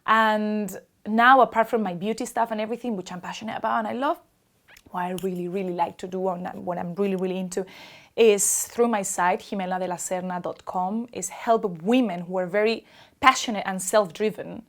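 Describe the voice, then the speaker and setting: A woman's voice: medium pitch, fairly even intonation, fairly quick, a bit bright. A young woman from Colombia, chatting energetically as an interview guest and talking up her work with enthusiasm. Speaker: guest, online creator. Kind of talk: casual interview chat.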